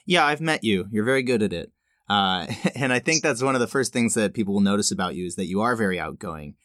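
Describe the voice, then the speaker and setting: Low-voiced male podcast host, dry sound. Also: animated, quick pace, fairly bright tone, no room sound. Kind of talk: scripted intro, then interview chat.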